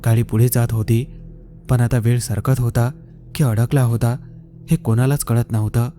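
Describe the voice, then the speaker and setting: A male storyteller narrating a scripted horror tale at a slow, suspenseful pace. His tone is very dark and warm, at an ordinary pitch for a man. Soft music plays faintly behind him. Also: flat delivery.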